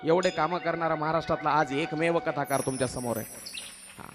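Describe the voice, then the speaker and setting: A man's voice: on the high side, steady tone, brisk. A male devotional preacher telling a sacred story in a sermon, questioning his listeners and sometimes breaking into song. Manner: exhorting, questions the audience and answers.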